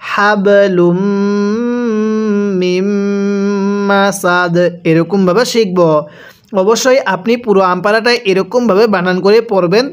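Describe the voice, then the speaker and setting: A man teaching Quran reading, spelling out each syllable and asking the listener to repeat after him. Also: high-pitched. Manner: drawn-out chanting recitation. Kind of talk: slow spelled-out Quran recitation lesson.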